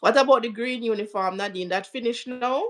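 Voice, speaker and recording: A woman's voice: a little high, a little fast, poor audio. A woman hosting a casual livestream, chatting and greeting viewers by name. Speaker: livestream host.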